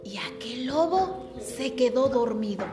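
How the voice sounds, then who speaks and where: A woman teacher telling a children's story in an expressive, dramatic way. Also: on the high side, unhurried. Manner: expressive, dramatic read-aloud. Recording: echoey room with music behind. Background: background music.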